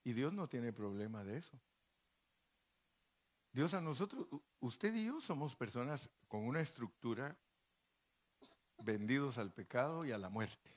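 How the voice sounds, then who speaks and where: Male pastor, sermon, folksy and jokey, rhetorical questions, mid-pitched voice. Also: lively intonation, measured pace, long pauses.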